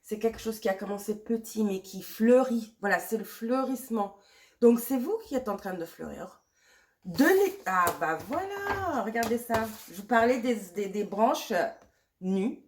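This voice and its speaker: A woman's voice: mid-range voice, normal speed, a little mellow. A woman giving a pick-a-card tarot reading while fighting a cold and a sore throat. She speaks straight to the viewer, reassuring and repetitive, and slips English words into her talk. The voice is close to the mic. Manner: reassuring, repeats herself, mixes in English words. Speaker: tarot reader.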